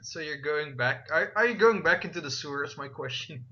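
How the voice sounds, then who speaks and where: A man running a tabletop game as game master, chatty and quick to laugh, on a dull lo-fi recording. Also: fairly high pitch, expressive, bright, forceful tone.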